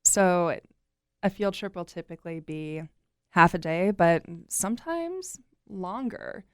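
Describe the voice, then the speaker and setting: A young woman chatting upbeat and friendly as an interview guest, quick to laugh. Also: lowish voice, expressive, smooth, no room sound, studio quality. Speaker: guest, nonprofit communications coordinator. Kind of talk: casual interview chat.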